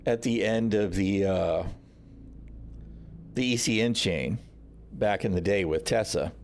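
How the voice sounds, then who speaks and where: A man's voice: fairly low pitch, measured pace, gravelly, darkish tone, a little hiss or hum. A man hosting a gaming livestream, ranting casually with sarcasm and frequent swearing. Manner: frustrated, sarcastic, swears often. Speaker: livestream host.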